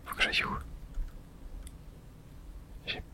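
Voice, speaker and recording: Playing a video game, a person gives breathy, whispered ASMR commentary, casual and hushed, thinking aloud as they take it slowly.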